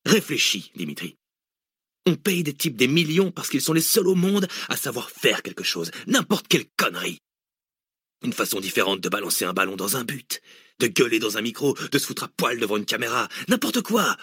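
A male audiobook reader voicing a cynical, deranged hooded villain who lectures mockingly and erupts into shouts. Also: mid-range voice, sing-song, normal speed, husky, no room sound, clean studio sound, full character voice. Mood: lecturing. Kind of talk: audiobook reading.

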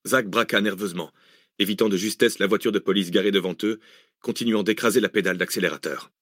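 Man, audiobook narrator, fairly low voice, measured, steady reading, dry close recording. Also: no echo.

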